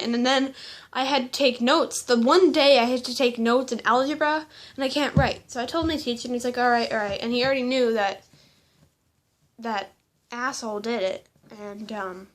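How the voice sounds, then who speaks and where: A teenage girl telling a rambling, indignant story in a casual vlog. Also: on the high side. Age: teens. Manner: rambling, indignant, with quoted exchanges. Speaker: vlogger.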